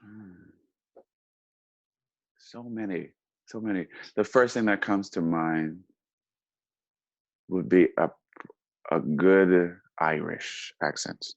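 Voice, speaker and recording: Man, actor as guest, very low voice, halting, repeats his words, dry close recording. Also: steady tone, no room sound, lo-fi sound. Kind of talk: casual interview chat.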